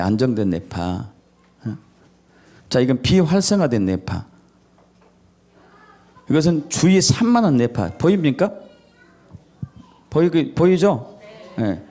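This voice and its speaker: A male pastor preaching a sermon who keeps asking the congregation questions and answering them himself, stacking up repeated phrases in lists. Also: a little high. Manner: acts out scolding and gentle parent voices; repetitive listing cadence.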